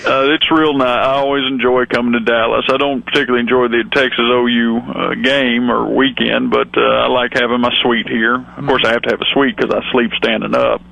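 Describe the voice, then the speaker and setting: A man voicing a folksy, deadpan male longhorn steer mascot phoning in to a comedy radio show. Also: medium pitch, a little fast, gravelly, few pauses, dull audio. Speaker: phone-in comedy bit.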